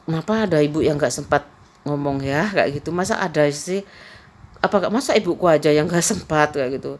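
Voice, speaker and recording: Chatty, rambling woman vlogger. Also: deep voice. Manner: rambling, chatty, laughs often. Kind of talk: casual personal vlog chat.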